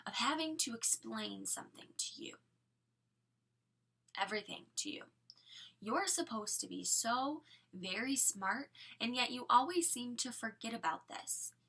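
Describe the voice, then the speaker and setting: A woman reading aloud and voicing a scheming male villain with a mocking, breathy half-whisper and slow menace. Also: on the high side, animated, sharp tone, heavily acted. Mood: threatening.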